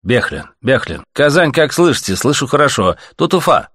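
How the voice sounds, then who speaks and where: A man voicing a male radio operator calling out to other stations in a raised, husky voice. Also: mid-range voice, very animated, normal speed, a bit bright, no room sound, studio quality, pitched above the performer's own voice. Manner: calling out, announcing.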